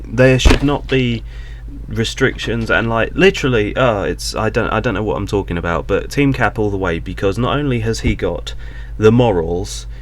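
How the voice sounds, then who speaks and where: Low-voiced playful podcast host, a man. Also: normal speed, slight background noise. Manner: playful, animated, teasing. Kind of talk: casual podcast chat.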